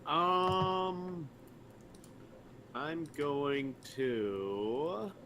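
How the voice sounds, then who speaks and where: A man's voice: on the high side, drawn-out words, bright, forceful tone, slight background noise. A man playing in a tabletop game, hesitantly stating actions and asking curious rules questions. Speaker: player. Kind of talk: casual tabletop play.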